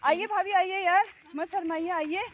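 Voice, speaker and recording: A chatty woman from Uttarakhand talks to her phone camera as she walks along an outdoor road, and her voice sits high. She teases the people she meets in a casual vlog manner. Loud street noise runs under everything. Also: steady tone, moderate pace, highs cut off. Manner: chatty, teasing, talks to the camera while walking. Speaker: vlogger. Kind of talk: casual walking vlog chat. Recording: noisy outdoor street sound.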